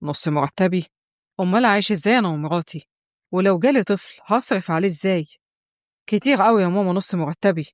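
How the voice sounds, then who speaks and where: A woman voicing a young married man, a gentle and dutiful son, pleading softly in Egyptian Arabic. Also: on the low side, quick pace, no echo, studio quality, natural voice. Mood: dismayed. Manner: soft, pleading, placating.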